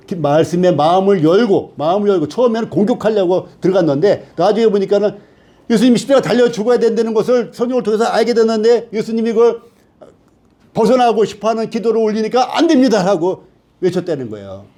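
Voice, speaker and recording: A man's voice: high-pitched, animated, quick pace, dark tone. A man teaching a Bible study class who keeps asking the class questions and then answering them himself.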